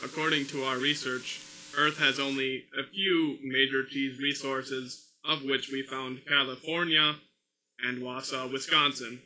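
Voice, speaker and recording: A man playing a male alien researcher in a comedy sketch, with a flat, deadpan delivery. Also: medium pitch, measured pace, low-quality recording.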